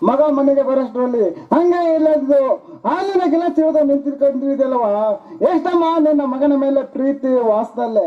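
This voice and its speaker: A man's voice: extremely high pitch, moderate pace. A man playing a young son who confesses to his mother, in solemn, pleading folk stage declamation. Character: young adult son confessing a grave sin. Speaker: stage actor. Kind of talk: live folk stage drama. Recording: lo-fi live recording, loud music behind.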